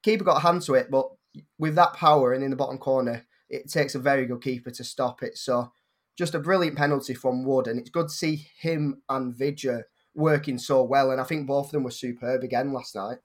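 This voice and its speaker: A man's voice: mid-range voice, steady tone, brisk. A man guest on a football podcast, talking enthusiastically and rambling a little. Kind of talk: casual football podcast chat.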